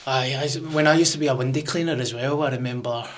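A man's voice: medium pitch, fast. A man with a broad Glaswegian Scots accent, hosting in matey, slangy casual chat close on a studio mic. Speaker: podcast host. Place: small podcast studio. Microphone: close studio condenser on arm.

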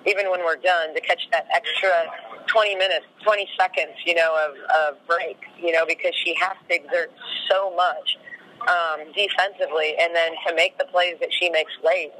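A woman's voice: on the low side, fairly even intonation, normal speed, bright, forceful tone, a little hiss or hum, low-quality recording. A woman head coach answering questions in a post-game interview, rambling and full of "you know" fillers.

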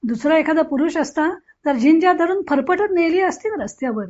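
A woman's voice: high-pitched, lively intonation, fairly quick, a little mellow. A woman voicing a harsh, scolding older mother-in-law who taunts bitterly, in a dull lo-fi recording.

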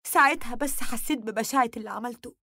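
A woman's voice: a little high, very fast, pushed and bright, no echo, clean studio sound. A woman with an Egyptian accent telling a dramatic first-person story in an emotional, confessional way.

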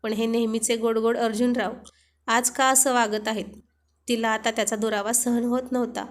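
A woman storyteller reading a romantic story aloud in an expressive, steady scripted narration. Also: a little high, moderate pace.

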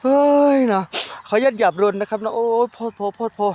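A man's voice: high voice, fairly even intonation, quick pace, a little mellow. A man with an Isan Thai accent, vlogging outdoors in a grassy field with rambling, crude, self-mocking jokes. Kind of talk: joking outdoor vlog banter.

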